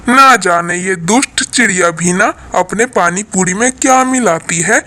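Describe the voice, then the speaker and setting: A man's voice: very high-pitched, bright, forceful tone. A man voicing a sly, jealous male crow in a cartoon story, with a whiny, scheming way of talking. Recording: echoey roomy recording.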